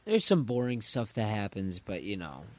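A man's voice: on the low side, big pitch swings, normal speed, darkish tone, dry recording. A man in casual chat who tells stories animatedly and laughs often.

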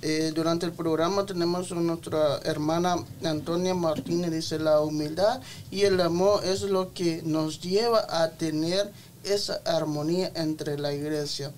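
High-voiced man reading viewer comments. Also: steady tone, a little slow, a little hiss or hum. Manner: reading messages aloud.

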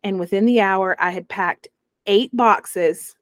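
A woman's voice: medium pitch, slow, dry recording. A young woman, telling a personal story in a casual interview and acting out the voices she quotes. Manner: animated, acts out quoted voices. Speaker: guest sharing her story.

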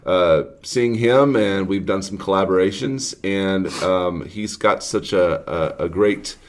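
A man co-hosting a podcast who talks casually and haltingly, often restarting his sentences. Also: deep voice. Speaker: podcast co-host. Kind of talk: casual chat.

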